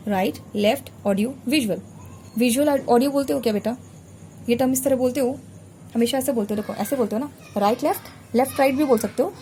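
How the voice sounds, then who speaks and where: A woman with a fairly high but mellow, warm voice runs a biology revision lesson. She draws as she talks and patiently repeats each key term to drill simple memory tricks. A faint hiss sits behind her. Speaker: biology teacher. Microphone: recorded while drawing a diagram on a board.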